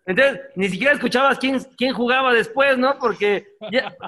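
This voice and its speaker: A man's voice: very high voice, normal speed, background noise. A man, a former footballer telling jokey anecdotes as a podcast guest. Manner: jokey, laughs while telling, imitates teammates. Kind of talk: casual storytelling, anecdotes.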